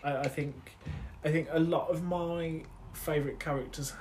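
A man co-hosting a podcast, talking in a relaxed, thoughtful and hesitant way. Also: on the high side, moderate pace, slight background noise. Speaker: podcast co-host. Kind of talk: casual chat.

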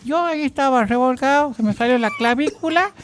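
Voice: high-pitched, fairly quick, close to an everyday voice. A performer voicing a boastful, forgetful, very old Hollywood stunt double in a comic radio sketch, with a Catamarca Argentine accent, rambling and indignant. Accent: Argentine, Catamarca tonada. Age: very old, played.

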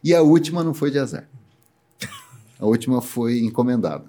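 Brazilian man, middle-aged guest, Brazilian Portuguese accent, animated storyteller, pitch jumps around a lot. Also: brisk. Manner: animated storyteller who laughs often. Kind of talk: casual podcast chat.

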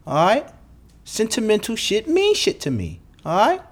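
A man's voice: sits high, huge pitch swings, moderate pace. A young man, ranting bluntly and profanely as a podcast host. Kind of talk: solo podcast monologue.

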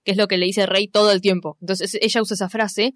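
A young woman with an Argentine accent, recapping a film in casual chat, telling it in an animated way and acting out the quotes. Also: mid-range voice, fast talker, dry recording. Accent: Argentine Spanish. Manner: animated storytelling, acts out quotes, swears casually.

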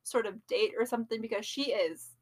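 A woman's voice: a little high, brisk. A woman co-hosting a podcast, chatting casually about a TV episode and mostly agreeing with short, easygoing replies. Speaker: podcast co-host. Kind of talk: casual chat reviewing a TV episode.

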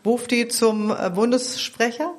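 A woman's voice: fairly high pitch, fairly even intonation, a little slow. Chatty woman hosting a podcast. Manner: chatty, laughs often, restarts sentences. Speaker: podcast host. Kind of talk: casual podcast moderation.

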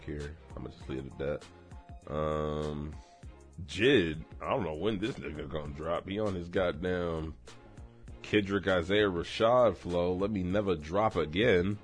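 A young man co-hosting a casual podcast, talking in a laid-back, hesitant way with many fillers. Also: extremely low pitch. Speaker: podcast co-host. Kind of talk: casual chat.

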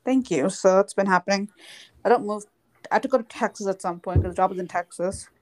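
A young woman co-hosting a podcast in casual chat, talking quickly with lots of fillers and frequent giggles. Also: mid-range voice. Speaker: podcast co-host.

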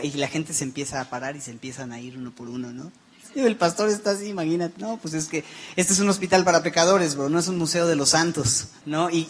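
Young man, pastor, sermon, jokey and chatty, slightly high voice. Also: a bit bright. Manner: joking, conversational, self-deprecating.

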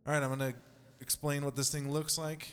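A man's voice: fairly high pitch, flat delivery, fairly quick, a bit bright, a little hiss or hum. A young man hosting a podcast in a casual, joking way, swearing and laughing often. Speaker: podcast host.

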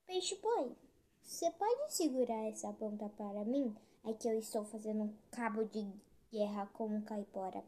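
Woman doing a raised, bright voice for a sly, cheeky storybook tortoise. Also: on the high side, lively intonation, moderate pace. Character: cheeky clever male tortoise trickster.

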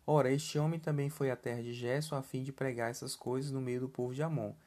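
A man's voice: medium pitch, steady tone, fast, a little mellow. A man giving a casual scripture lesson in a conversational way, often putting questions to the listeners and adding tag questions. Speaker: scripture teacher.

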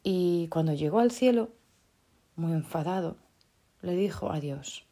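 Low, gravelly-voiced woman speaker. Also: lively intonation, a little slow, mellow. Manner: hesitant, with many restarts and tag questions. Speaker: motivational speaker. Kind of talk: unscripted motivational talk.

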